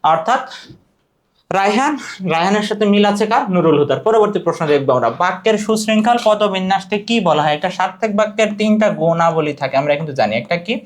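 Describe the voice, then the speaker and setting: A man's voice: high voice, animated, quick pace. A man teaching an exam-prep lesson, asking questions and repeating the answers.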